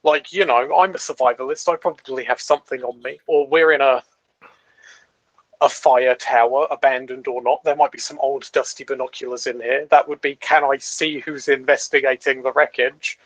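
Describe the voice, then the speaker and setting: A man's voice: medium pitch, fairly even intonation, normal speed, dry recording, low-quality recording. A man playing a tabletop game, stammering as he thinks his options through aloud. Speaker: player.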